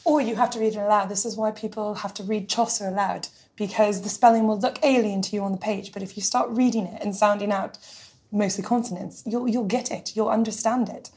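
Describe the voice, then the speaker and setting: A woman speaking as a podcast guest, explaining points clearly and modestly. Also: mid-range voice, fairly even intonation, brisk, darkish tone. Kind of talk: conversational discussion.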